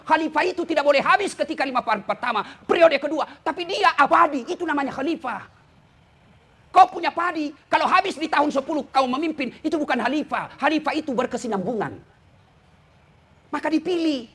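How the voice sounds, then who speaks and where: Male preacher, very high and bright voice, teasing and humorous; keeps addressing listeners as "Pak". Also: lively intonation, brisk. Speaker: preacher and lecturer. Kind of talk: humorous sermon to officials.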